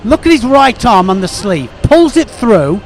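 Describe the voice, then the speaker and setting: A man giving expert co-commentary in live sport, eager and halting with lots of fillers. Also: extremely high pitch, very animated.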